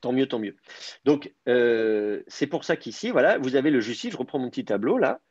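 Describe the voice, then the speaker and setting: A man leads an online grammar lesson, his pitch moving a lot as he works through each point out loud. The voice is a bit husky and comes across dry, as if over a computer microphone. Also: expressive, normal speed, no echo, dull audio. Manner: explains step by step, thinking aloud with many "euh". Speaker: teacher. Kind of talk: online Hebrew grammar class.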